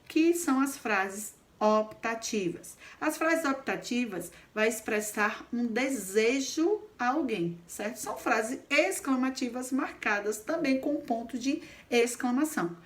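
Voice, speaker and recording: A woman's voice: a little high, animated, measured pace, hardly any pauses. A woman teaching a grammar lesson, explaining step by step and often checking in with the class. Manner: explains patiently, checks in with frequent "certo?".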